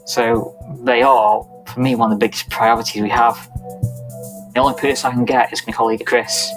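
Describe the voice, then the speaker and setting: A middle-aged man, a police officer recounting a night shift in a documentary interview, in a steady, matter-of-fact way. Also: mid-range voice, low-quality recording.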